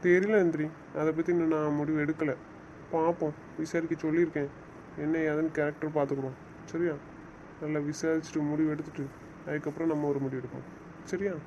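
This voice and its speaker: A man's voice: a little high, level tone, quick pace, a little mellow, natural voice. A man as a scolding, coaxing husband. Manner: scolding, lecturing, then coaxing. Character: stern but loving young husband. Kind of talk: audio drama acting. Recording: dull lo-fi recording with faint noise.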